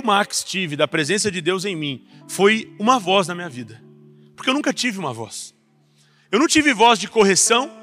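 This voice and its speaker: A young Brazilian man preaching a personal testimony as a pastor, rising to intense passages and dropping back soft. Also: on the high side. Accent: Brazilian Portuguese. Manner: builds to intense raised passages, then drops soft. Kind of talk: sermon testimony. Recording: faint music underneath.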